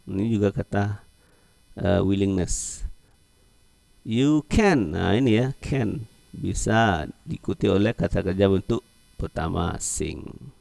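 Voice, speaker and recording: A man's voice: low-pitched, measured pace, creaky, darkish tone, dry recording. A male English teacher, explaining a lesson and reading dialogues aloud in a raised, sing-song voice.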